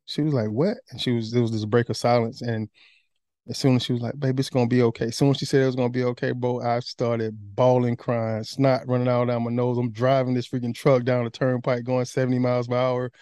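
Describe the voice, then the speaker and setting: A man telling a candid personal story in casual, animated conversation. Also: mid-range voice, quick pace, dry recording, studio quality. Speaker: guest.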